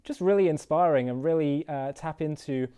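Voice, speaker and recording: A man hosts an online interview in a casual, halting way, often pausing and restarting his questions. His voice is smooth and clear with a mellow, somewhat high tone. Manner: hesitant, many fillers and restarts. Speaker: interview host.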